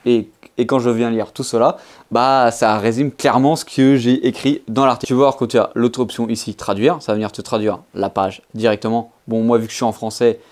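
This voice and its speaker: Man, mid pitch, tech reviewer, casual and chatty, frequent fillers, talks straight to the viewer. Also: steady tone, fairly quick, a little mellow. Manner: chatty, informal, addresses viewer directly with frequent "bah".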